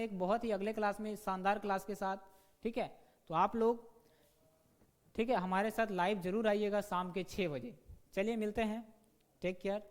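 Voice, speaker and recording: High-voiced teacher in a reverberant room. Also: male voice. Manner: repeats "ठीक है" and asks students questions; demonstrates sounds slowly. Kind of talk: online grammar lesson. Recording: long reverb.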